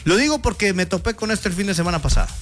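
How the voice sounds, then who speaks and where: A man co-hosting a sports talk show, speaking in an animated, excitable way with halting restarts. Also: sits high, soft background music. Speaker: sports commentator. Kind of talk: casual talk show chat.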